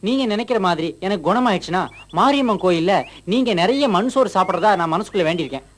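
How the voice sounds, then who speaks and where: A gullible village son-in-law. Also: male voice, sits high, animated. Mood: naive. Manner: fretful and gullible, quick yelps. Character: naive village son-in-law in army dress. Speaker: comic lead actor. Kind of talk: TV comedy sketch acting.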